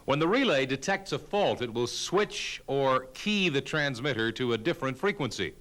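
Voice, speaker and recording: A man narrating a scripted technical lesson as an instructor, in a measured, explanatory way with emphasis on key terms. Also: medium pitch, animated, a bit bright.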